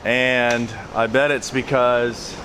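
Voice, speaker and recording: A man at a mid pitch talks straight into a handheld camera, blunt and emphatic, circling back over the same phrases as he goes. There is a faint hum of noise behind him. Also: little pitch movement, slow, fairly bright tone. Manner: plain-spoken, emphatic, repeats phrases. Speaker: landscaping business owner. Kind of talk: casual vlog talk to camera.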